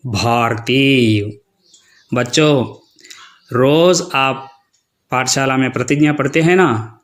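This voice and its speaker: A man teaching children Hindi pronunciation, patiently reading out word lists one by one. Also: mid-range voice.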